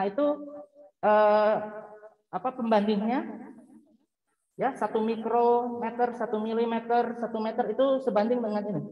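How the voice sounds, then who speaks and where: A man giving a university physics lecture, explaining patiently, often pausing with fillers and searching for words. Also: high-pitched, highs cut off. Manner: patient explaining, checking in with frequent "ya".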